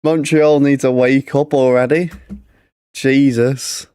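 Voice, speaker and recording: Male stream commentator, close dry mic, clear voice, blunt play calls. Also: mid-range voice, takes it slowly, no echo. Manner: excitable, blunt remarks. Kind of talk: live game commentary.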